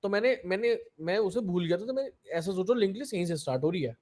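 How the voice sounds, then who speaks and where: Young male tutor, high-pitched, patient step-by-step explainer checking in with students. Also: lively intonation, fast talker, darkish tone. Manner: explains step by step, keeps asking if students understood. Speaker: coding teacher. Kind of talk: live online coding class.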